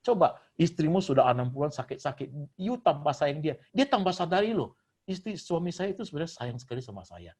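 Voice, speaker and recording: Husky older man preaching with loud swings. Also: sing-song, fast. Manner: swings between loud emphatic exhortation and soft, low asides; mixes English phrases into his preaching. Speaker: pastor. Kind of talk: sermon.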